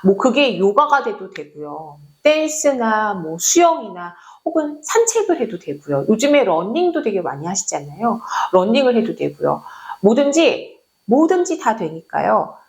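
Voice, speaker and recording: A woman in her forties, a doctor, giving health advice to camera in a chatty, friendly explaining way with fillers. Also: mid-range voice. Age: 40s.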